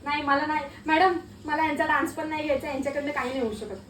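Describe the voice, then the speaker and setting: A woman's voice: sits high, fairly even intonation, quick pace, a bit bright. A woman playing a strict, exasperated school dance teacher in a comedy sketch, scolding and nagging her students sarcastically. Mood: fed up. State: sore throat from shouting. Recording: roomy, distant mic, clear ambient noise.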